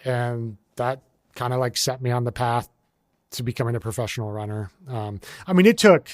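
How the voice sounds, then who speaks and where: Laid-back American man in his forties, mid-pitched, talks loosely with fillers, dry studio mic. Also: normal speed, no echo. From United States. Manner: relaxed and rambling, many fillers and restarts. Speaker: guest, ultrarunner. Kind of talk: casual interview conversation.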